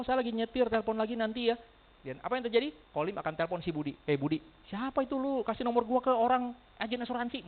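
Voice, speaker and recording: A man speaking fast with a high voice, telling stories to a room of sales agents. He acts out the other people's lines and laughs as he goes. The sound is thin and phone-like. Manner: animated, laughs often, acts out dialogue. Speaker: motivational speaker. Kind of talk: storytelling talk to a sales team.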